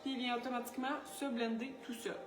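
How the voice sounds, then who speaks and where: A high-pitched woman with a Quebec French accent chats her way through a makeup tutorial, a little scattered and quick to poke fun at herself. Her voice bounces around an echoey room, with faint music playing underneath. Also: level tone, distant mic. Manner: chatty, scattered, self-mocking, talks while working. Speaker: makeup artist. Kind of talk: makeup tutorial, casual talk to camera.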